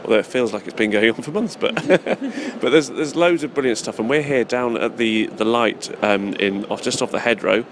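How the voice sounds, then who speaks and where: British guy chatting as an event organiser, gravelly voice, enthusiastic and rambly, busy public din behind him. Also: mid-range voice, normal speed. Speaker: festival organiser, interview guest. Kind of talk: casual interview chat. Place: busy public exhibition space in city centre. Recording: noisy public space, urban background din. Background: people and urban ambience.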